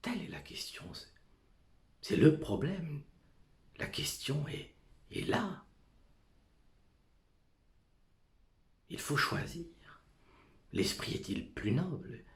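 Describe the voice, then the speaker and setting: Man acting a gravelly, brooding tragic soliloquist. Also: on the high side, very animated, reverberant, heavily acted. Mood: tormented, searching. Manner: halting, fragmented delivery that swings between whispers and outbursts. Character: anguished, brooding tragic man wrestling with death. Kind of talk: theatrical monologue recitation.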